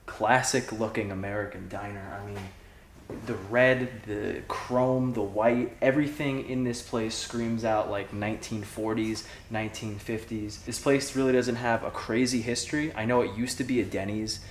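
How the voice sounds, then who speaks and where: A man's voice: on the low side, moderate pace, a little hiss or hum. A young man hosting an exploration vlog, chatting casually with lots of "like" and "I mean" as he walks through an empty indoor diner, speaking into a camera held at arm's length. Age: young adult. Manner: relaxed, chatty, with a lot of "like" and "I mean". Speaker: urban explorer vlogger host.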